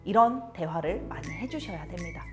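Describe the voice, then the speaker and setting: Lively woman giving parenting advice. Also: fairly low pitch, fairly quick, soft background music. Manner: animated, acts out quotes of parents and children. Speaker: sex education instructor. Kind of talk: expert advice talk for parents.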